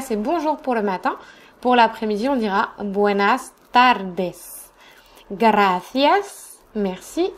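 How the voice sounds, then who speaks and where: A woman hosting a language channel, talking to camera with frequent filler sounds and saying short phrases slowly before translating them. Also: fairly high pitch. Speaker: language teacher and channel host. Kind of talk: video lesson to camera.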